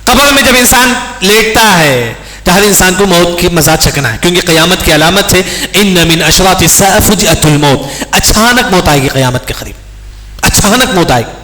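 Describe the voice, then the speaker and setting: A high, bright male voice carries through a large mosque hall, with a long echo trailing each phrase. He preaches with emphasis, poses questions to the congregation and answers them himself, and comes back again and again to the reminder to remember. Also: sing-song. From India. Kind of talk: sermon.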